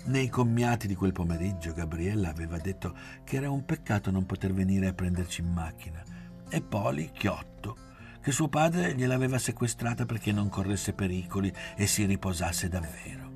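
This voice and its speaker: A man reading a novel aloud in a measured, quiet, literary way. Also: sits low, lively intonation, soft background music. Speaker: narrator.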